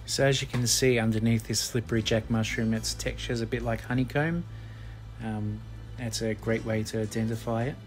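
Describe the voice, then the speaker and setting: A man, a cafe chef chatting casually outdoors about foraging, relaxed and full of ums. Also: medium pitch, moderate pace, soft background music. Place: outdoors on the coast and in pine woods.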